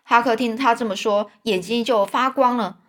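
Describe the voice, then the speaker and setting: A woman tells a children's story aloud. She retells it casually, with fillers. Her voice sits fairly high. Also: normal speed, fairly bright tone.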